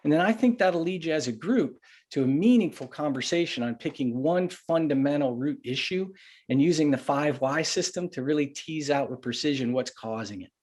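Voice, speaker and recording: A man's voice: fairly high pitch, expressive, moderate pace, darkish tone. Man leading a virtual sales workshop. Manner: conversational, folksy with anecdotes. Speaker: workshop facilitator. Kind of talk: virtual master class presentation.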